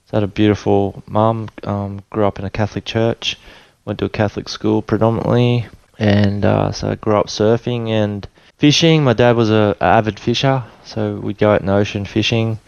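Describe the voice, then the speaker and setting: A lowish, resonant Australian man in his forties talks through his own story in an easy, meandering way. He often stops and restarts his sentences, and his tone barely rises or falls. The sound is slightly dull, like a remote line from home. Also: normal speed, gravelly, clean tone, no room sound. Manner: relaxed and rambling, with frequent restarts. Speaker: guest. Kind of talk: casual storytelling interview.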